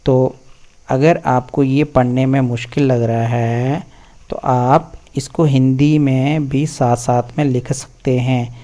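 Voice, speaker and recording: A man's voice: medium pitch, fairly even intonation, warm tone. A man teaching the pronunciation of Vedic mantras, drawing out syllables one by one in a patient spoken recitation lesson. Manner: patient, drawn-out syllable-by-syllable drilling.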